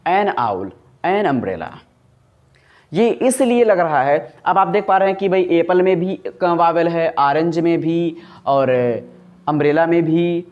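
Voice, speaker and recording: A male teacher with a slightly high voice walks his class through pronunciation. He stretches sounds out slowly to show how they are made, then poses questions and answers them himself. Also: muffled recording. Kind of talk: classroom grammar lesson.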